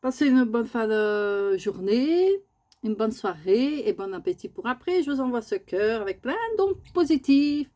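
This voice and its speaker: A woman's voice: on the high side, lively intonation, unhurried, dark tone. A woman, chatting casually in a home vlog and often cooing at her pet bird in a raised sing-song voice. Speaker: vlogger.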